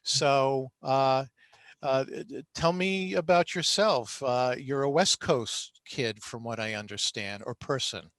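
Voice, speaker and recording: A man's voice: mid-range voice, fairly bright tone, no echo. Man interviewer with dry, close sound. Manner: halting, with repeated uhs. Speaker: tech review interviewer. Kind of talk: interview hosting.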